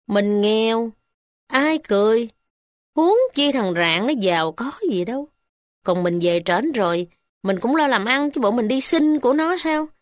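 A fiery poor village wife, as a woman storyteller puts her on scolds in a sharp, raised voice with a Southern Vietnamese accent. Her pitch leaps up as she mocks, and the recording is dry and close with no room sound. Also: animated, unhurried, no room sound. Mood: scolding.

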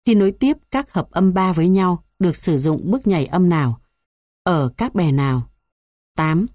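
A woman with a somewhat low voice reads a theory textbook aloud. She moves through numbered points in a steady, measured way. The sound is dry and close, with no room echo. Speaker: textbook reader.

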